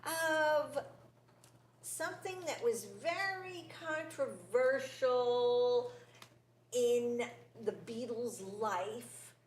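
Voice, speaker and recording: Older female host, slowish and giggly, higher voice, roomy studio with faint hiss. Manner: slow, giggly, teasing quizmaster. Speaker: talk show host. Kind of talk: casual trivia quiz chat.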